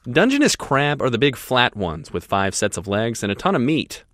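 A man's voice: mid-range voice, very animated, normal speed, a bit bright, dry recording, studio quality. A man narrating a scripted radio news report as a reporter.

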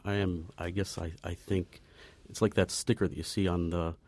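Man, 40s, very deep voice, halting speech, restarts, dry close sound. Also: level tone, darkish tone, no echo. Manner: halting, hesitant, restarts often. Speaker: interview guest, unemployed chemist. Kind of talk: radio panel interview.

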